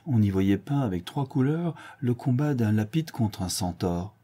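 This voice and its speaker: A man reading a classic novel aloud as audiobook narration, measured and expressive. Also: mid-range voice, slightly rough. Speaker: audiobook reader. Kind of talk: scripted literary narration.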